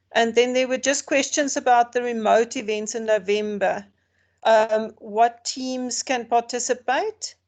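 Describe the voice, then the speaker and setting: A woman with a South African accent moderating questions in a webinar over a video call, politely relaying what others asked. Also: fairly high pitch.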